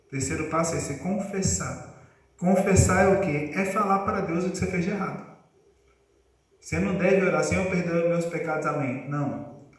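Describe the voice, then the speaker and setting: A man's voice: sits high, brisk. A male preacher giving a conversational sermon, quizzing his congregation. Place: church congregation hall. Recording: echoey room, voice far from mic.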